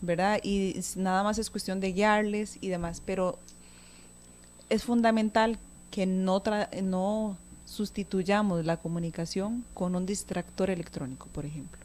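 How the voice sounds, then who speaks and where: A woman's voice: mid-range voice, fairly even intonation, measured pace, darkish tone, a little hiss or hum. A woman speaking as a guest expert, explaining child communication patiently on a talk show and often checking in with a question.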